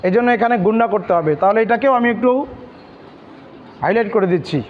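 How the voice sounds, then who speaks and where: Speaking with a Bangladeshi Bengali accent, a man guides learners through Quran pronunciation, slowly spelling letters and vowel marks and repeating each syllable. His voice is high. He's recorded in a large hall, and the audio is dull.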